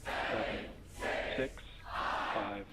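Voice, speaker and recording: Man's slow call-outs over breaking-up space radio. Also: over a noisy crowd, heavy background noise. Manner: clipped, even call-outs. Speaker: launch controller.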